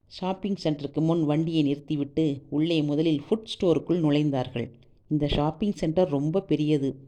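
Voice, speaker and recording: Storyteller, female; low pitch, warm tone, steady expressive novel reading. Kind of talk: reading a serialized novel aloud.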